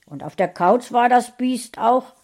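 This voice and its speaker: A woman voicing a calm middle-aged husband in a storybook reading. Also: mid-range voice, moderate pace, natural voice. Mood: matter-of-fact.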